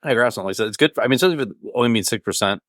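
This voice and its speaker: A man presenting a beer in casual, halting podcast chat, speaking informally. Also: on the low side, expressive, a bit bright, dry recording, studio quality. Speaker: brewery staffer presenting a beer.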